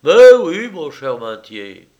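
A man voicing a breezy, cold-hearted male artist who greets his visitor with loud, effusive exclamations. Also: fairly high pitch, very animated, takes it slowly, highs cut off, pitched above the performer's own voice.

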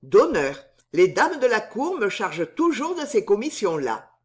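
A woman's voice: medium pitch, sing-song, unhurried. Woman playing a flowery young gallant poet. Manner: grand, pleading declarations.

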